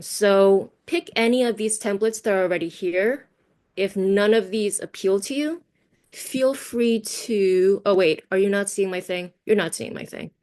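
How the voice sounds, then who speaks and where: A mid-range, darkish voice guides an online teaching workshop held over video call. The presenter, a US woman whose native language is Cantonese, stays conversational and frequently checks in through tag questions.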